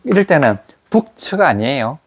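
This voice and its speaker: A man teaching an English grammar class, repeating English words slowly to model their sounds for students in a small classroom. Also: on the high side, very animated, husky.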